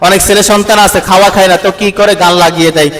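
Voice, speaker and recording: A man preaching a sermon with a Bangladeshi Bengali accent. He keeps asking his listeners questions and answering them himself, and at times slows into sung recitation. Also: sits high, steady tone, fairly bright tone, rough recording. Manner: call-and-response, asks the crowd and answers himself; slow sung Quran recitation.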